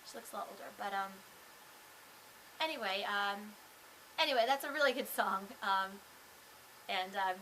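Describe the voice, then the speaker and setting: A woman's voice: mid-range voice, moderate pace, long pauses, bright, forceful tone, a little hiss or hum, low-quality recording. A young woman chatting casually to camera as a vlogger, rambling with lots of fillers and restarts. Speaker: vlogger and singer.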